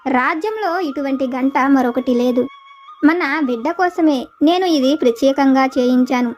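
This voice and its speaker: A woman narrating a folk tale about a king and his queens in a steady, even storytelling manner. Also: high-pitched, unhurried. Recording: dull lo-fi with faint music.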